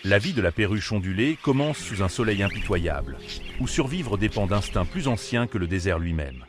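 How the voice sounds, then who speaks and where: A man's voice: fairly low pitch, sing-song, normal speed. A man delivering scripted wildlife documentary narration in a solemn, dramatic manner. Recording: narration over prominent music. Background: music.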